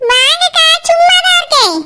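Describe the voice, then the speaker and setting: An eager, curious young cartoon village woman with a Kanyakumari Tamil accent, as a woman puts her on. Her voice is shrill and bright, and pitched well above the performer's usual voice. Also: animated, moderate pace, heavily acted.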